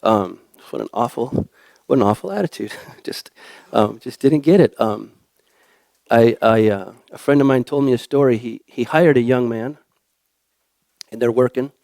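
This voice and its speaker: A young adult man preaching a church sermon in a halting way, with many fillers and restarts. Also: medium pitch, creaky, a little mellow, dry recording.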